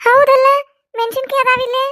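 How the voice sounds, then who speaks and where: A woman voicing an easily startled, quick-tempered village woman with a North Karnataka Kannada accent, in a cartoon. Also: very high-pitched, a bit bright, no echo, studio quality.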